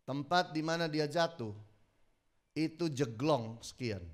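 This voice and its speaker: A man preaching a sermon, telling stories with dramatic swings between loud exclamations and low murmurs. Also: slow pace. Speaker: pastor. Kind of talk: sermon with storytelling.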